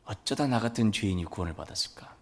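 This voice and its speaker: A man's voice: fairly low pitch, animated, fast. A man preaching a sermon as a pastor, telling folksy stories and acting out family dialogue. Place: church sanctuary.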